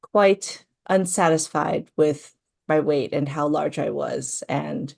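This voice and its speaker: A woman's voice: sits low, vocal fry, a little mellow. A young adult woman from Hawaii, a coaching client talking through her story in an interview, thoughtful and full of fillers. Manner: slow, thoughtful, with frequent fillers. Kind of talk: interview conversation.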